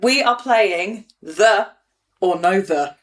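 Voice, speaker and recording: A woman co-hosting a podcast and running a quiz game, brisk and playful. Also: medium pitch. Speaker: podcast co-host.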